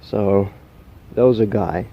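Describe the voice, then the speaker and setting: Man acting a slow, low-voiced, unhinged killer. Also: gravelly, breathy edge, highs cut off, exaggerated voice. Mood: wistful, halting. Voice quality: trouble pronouncing R's. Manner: halting, hesitant, rambling. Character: soft-spoken, unhinged male killer confiding to camera. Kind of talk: confessional monologue acting.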